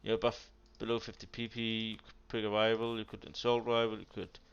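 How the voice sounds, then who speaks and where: A man's voice: lowish voice, flat delivery, brisk, creaky, fairly bright tone, smooth. A man giving casual, blunt commentary on a player's strategy game nation, exasperated and full of fillers. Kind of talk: casual commentary over gameplay. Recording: dull lo-fi mic with keyboard typing behind.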